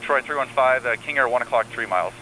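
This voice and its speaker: A man working as an air traffic controller on the radio, calmly giving reassuring step-by-step instructions. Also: medium pitch, fast talker. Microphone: radio transmission. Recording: air traffic radio with faint hum and noise.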